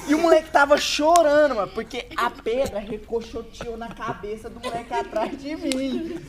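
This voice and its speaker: A man tells a story to friends by an outdoor campfire, in a relaxed, slangy way. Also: extremely high pitch, normal speed. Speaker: storyteller in a group. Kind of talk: casual storytelling around a campfire. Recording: crowd of friends nearby.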